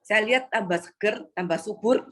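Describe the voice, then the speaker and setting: A woman's voice: mid-range voice, normal speed. A woman preaching an exhorting sermon to a congregation on a video call, often calling the listeners "Saudara".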